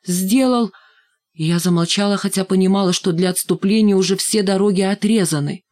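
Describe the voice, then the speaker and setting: A woman narrating a children's story in a first-person, measured, storytelling manner. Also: mid-range voice, a little mellow. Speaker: audiobook reader. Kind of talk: scripted narration.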